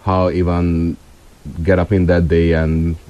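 A man from Hungary with a Hungarian accent, a firearms expert guest on a call-in show, speaking halting English and searching for words. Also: low-pitched, flat delivery, warm tone, clean tone, highs cut off.

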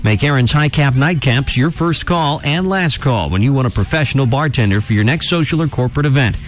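A man reading a radio advertisement in a brisk, salesy voice. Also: medium pitch, lively intonation. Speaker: ad announcer. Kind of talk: radio ad read.

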